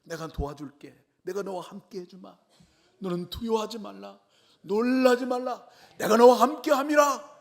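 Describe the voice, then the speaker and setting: A man, a pastor, voicing God in a sermon as a reassuring, commanding male divine voice that rises loud and slow on each promise. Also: sits high, vocal fry, voice pushed up. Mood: reassuring, booming.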